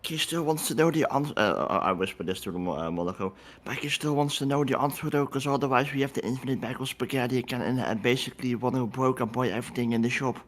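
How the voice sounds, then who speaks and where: A man's voice: mid-range voice, quick pace, few pauses. A man playing in a tabletop game, stuttering on the starts of his words. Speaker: player.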